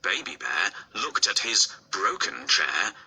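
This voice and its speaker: A male storyteller reading a fairy tale to children, his pitch swooping widely in a sing-song way. He takes it slowly, and his voice sounds bright and a touch husky. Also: very animated, rough recording.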